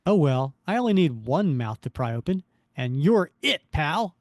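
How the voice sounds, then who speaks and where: A man's voice: fairly high pitch, very animated, normal speed, a little mellow, no echo, clean studio sound. A man voicing a wisecracking young male superhero, with a sardonic, joking inner monologue.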